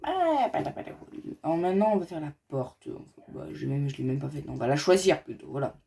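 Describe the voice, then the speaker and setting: A man talks his viewers through a building game in loose, rambling commentary. His pitch swings widely and animatedly from line to line. He addresses the audience directly and drifts into chatty asides. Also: very animated, a little fast, vocal fry, dark tone, slight background noise. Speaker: gaming youtuber.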